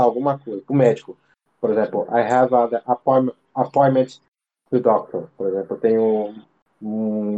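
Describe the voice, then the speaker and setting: The audio is dull, but the mid-range, mellow voice of a Brazilian man comes through in casual interview chat. Now living in Ireland, he rambles through a story with slang, fillers and restarts.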